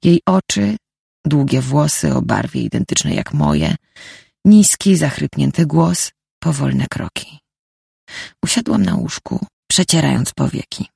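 A woman narrates a first-person novel calmly and reflectively. Her voice is strongly gravelly and husky, with lively pitch movement. The recording is close and dry. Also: unhurried, dry recording. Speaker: audiobook narrator.

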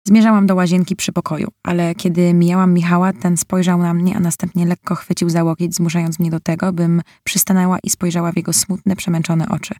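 A woman's voice: fairly low pitch, little pitch movement, a little fast, hardly any pauses, warm tone, no room sound. A young woman narrating a novel in the first person, in an emotional, bitter way. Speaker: audiobook narrator.

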